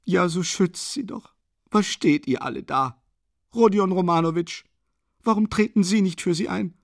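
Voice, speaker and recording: A man doing a hoarse, wailing consumptive mother. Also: normal speed, no room sound, clean studio sound. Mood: wailing, desperate. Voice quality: hoarse, screaming and sobbing. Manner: frantic pleading, high wailing cries. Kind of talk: audiobook character voice.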